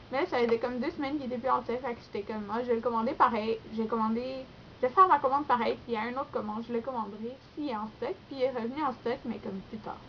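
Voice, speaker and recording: Chatty high-voiced Québécois woman. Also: dull audio, a little hiss or hum. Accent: Québécois French. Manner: chatty, rambling, many fillers and self-corrections. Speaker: beauty vlogger. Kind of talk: casual nail polish haul vlog.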